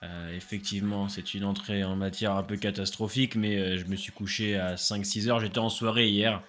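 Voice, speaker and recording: A man's voice: on the low side, moderate pace. Tired, chatty man with a webcam. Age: late 20s. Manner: chatty, animated, self-mocking. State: tired from a late night. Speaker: food reviewer. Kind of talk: casual food-tasting vlog.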